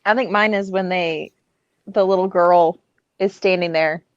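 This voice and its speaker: A woman's voice: on the low side, fairly even intonation, measured pace, smooth, dry recording, lo-fi sound. A woman co-hosting a casual movie podcast, eager and emphatic, who swears casually. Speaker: podcast co-host. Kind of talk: casual movie review chat.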